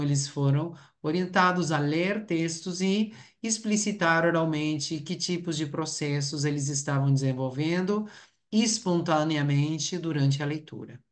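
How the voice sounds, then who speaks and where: Speaking at a conference in the role of an academic researcher, a man from Uruguay explains things formally, often hesitating as he works through his points. He has a fairly high-pitched voice.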